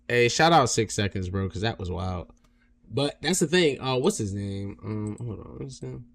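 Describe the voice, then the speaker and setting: A man's voice: on the low side, gravelly. A man streamer giving loose, casual reaction commentary with swearing and short interjections.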